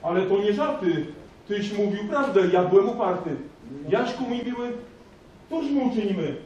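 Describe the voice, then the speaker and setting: A man acts out a drowsy, stubborn shepherd who grumbles his rhymed lines before rousing the others. The voice is very high. It sits far off in a reverberant school hall. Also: expressive, normal speed, darkish tone, lo-fi sound. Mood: worried. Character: sleepy, stubborn male shepherd Krzyś. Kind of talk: school nativity play acting. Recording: echoey hall, distant mic, faint noise.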